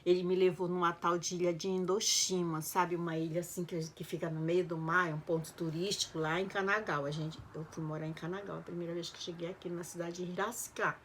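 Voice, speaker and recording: A woman's voice: on the low side, a little fast, few pauses, slight background noise. Emotional woman. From Belém, Brazil. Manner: emotional, animated, keeps addressing listeners as "gente". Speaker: storyteller recounting her life. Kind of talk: casual personal storytelling.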